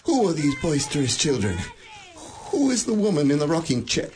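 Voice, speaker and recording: A man playing old miser Ebenezer Scrooge, pleading slowly with anguish in a radio drama. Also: on the high side, sing-song, a little mellow, faint music behind.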